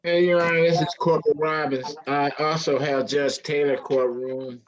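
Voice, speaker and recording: A man speaking as a court officer, addressing the judge formally and briskly over a video call. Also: on the high side, steady tone. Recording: dull, slightly noisy line.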